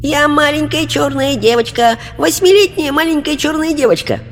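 A man voicing the spirit of a cheerful eight-year-old girl who chatters in thin, high baby talk. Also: moderate pace, big-room sound, slight background noise. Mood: chatty. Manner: lisping baby talk, diminutives. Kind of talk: audiobook character voice.

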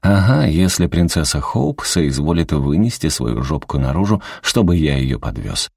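Man voicing gruff mechanic son, blunt, teasing, very deep and husky, audiobook. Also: very animated, moderate pace, darkish tone, dry recording, clean studio sound, exaggerated voice.

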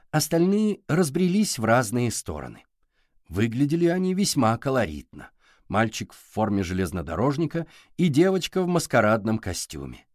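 A man narrating an audiobook with expressive storytelling. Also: medium pitch, no echo, clean studio sound.

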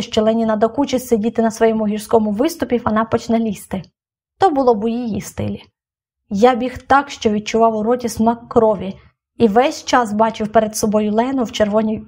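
A woman reading a children's novel aloud as an audiobook, with steady storytelling delivery. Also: fairly high pitch. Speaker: audiobook reader. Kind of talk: scripted narration of a children's novel.

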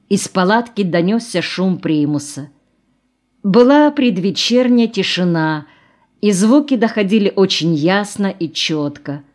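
A woman narrating an audiobook novel in a calm, even storytelling manner. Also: medium pitch.

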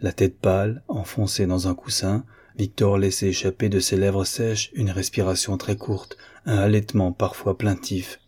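A man reads a classic novel aloud in a measured, literary manner. His voice is low, dark and mellow with a husky grain. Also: flat delivery. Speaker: audiobook reader. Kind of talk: scripted narration of a novel.

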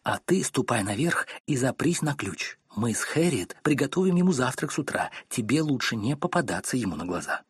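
A man voicing a stern, level-headed woman friend who speaks calmly and firmly in an audiobook. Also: medium pitch, fairly quick, hardly any pauses, breathy edge, no echo, clean studio sound. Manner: calm, cold and firm.

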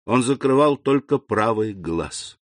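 A man narrating a classic novel as an audiobook in a measured, even manner. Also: mid-range voice, dry recording. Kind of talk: audiobook reading.

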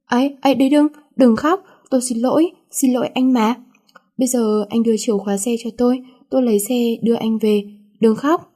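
A woman's voice: fairly high pitch, a little fast, dark tone, natural voice. A woman voicing a feisty teenage schoolgirl who scolds and then coaxes sweetly, her voice raised above her narrating tone. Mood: coaxing. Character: feisty teenage schoolgirl, bossy yet caring.

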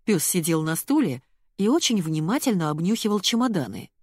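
A woman narrating a first-person audiobook with an expressive delivery. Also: lowish voice, fairly quick, no echo, studio quality.

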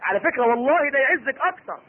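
A middle-aged man preaching a sermon in an Egyptian Arabic accent. He is animated and acts out the voices of husband and wife. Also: extremely high pitch, very fast. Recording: husky voice on tinny phone-like recording.

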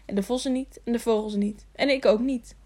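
A woman's voice: on the high side, steady tone, fairly quick, dark tone, lightly acted. A woman voicing a lonely, simple-minded young man who asks childlike, repetitive questions. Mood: eager.

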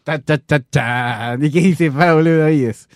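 A man's voice: a little high, a little slow, dry recording, clean studio sound. A man with a Chilean accent co-hosting a casual late-night radio show, joking and bantering with his partner. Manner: joking, banter-heavy, coaching his co-host. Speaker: radio co-host. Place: community radio studio.

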